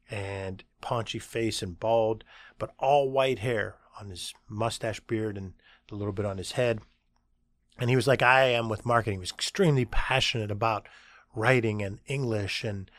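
A man's voice: on the low side, no room sound. Dry, conversational middle-aged man. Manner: conversational, anecdotal, with fillers and asides. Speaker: podcast host and agency CEO. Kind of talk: casual storytelling monologue.

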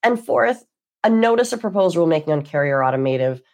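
A woman's voice: sits low, lively intonation, quick pace, darkish tone. A woman with a congested, stuffy-nosed voice, hosting a weekly news breakdown as an attorney in a conversational, emphatic way. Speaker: host, maritime attorney.

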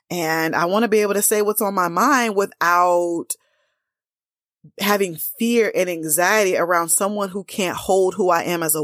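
Blunt, low-voiced woman dating coach. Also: fairly bright tone, no room sound, studio quality. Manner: blunt and emphatic, with casual slang. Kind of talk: direct-to-camera coaching talk.

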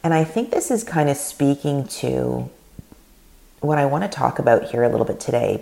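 A woman from Canada whose first language is Russian speaks in a very low voice with gravelly fry. She hosts a podcast and works as a leadership coach, talking solo in an earnest, animated way that rambles with restarts.

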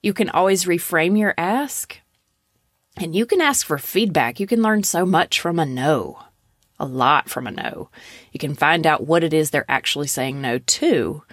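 Woman host, lowish voice, earnest and encouraging, dry close sound. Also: no echo. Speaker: podcast host. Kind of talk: interview host, reading an introduction.

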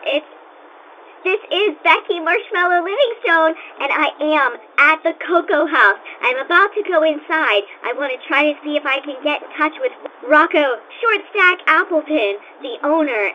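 A woman playing an eager field reporter who talks in hurried, stammering restarts and keeps pressing for answers. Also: high voice, sharp tone, lo-fi sound, slight background noise. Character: eager young female field reporter, pushy but polite.

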